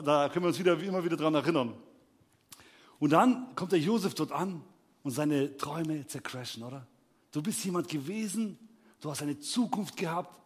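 A young man delivers a sermon as a lively story. His voice sits high and swings widely, and it has a husky edge. He acts out the scenes and sometimes breaks into shouts. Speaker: preacher.

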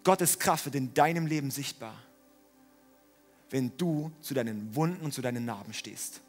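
A man preaching a sermon, animated, swinging between loud emphatic lines and quiet ones. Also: medium pitch, moderate pace, faint music behind. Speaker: pastor.

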